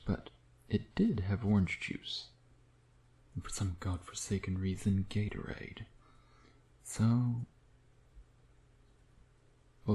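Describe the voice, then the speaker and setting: In an intimate ASMR roleplay, a man plays a smug, flirtatious vampire doting on his prey, teasing and murmuring with breathy asides. His voice is on the low side and mellow.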